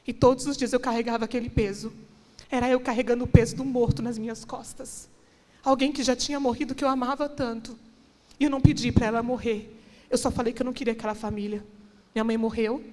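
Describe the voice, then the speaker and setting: A woman's voice: sits high, a little mellow. Impassioned woman preacher in a reverberant church. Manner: impassioned testimony, rising to emphatic declarations. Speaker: guest minister. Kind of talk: sermon. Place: church hall.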